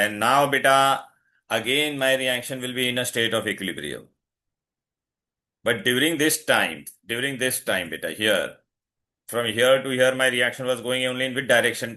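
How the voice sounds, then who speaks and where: A man's voice: mid-range voice, steady tone, normal speed, pushed and bright. A man with an Indian accent teaching an online lesson, insistently asking questions and switching between English and Hindi. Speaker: chemistry teacher.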